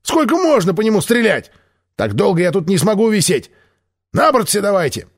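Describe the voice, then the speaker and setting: A man's voice: high-pitched, sing-song, normal speed, voice pushed up, exaggerated voice. Man doing a ranting, exasperated airship pilot. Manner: ranting, shouting. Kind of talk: audiobook reading.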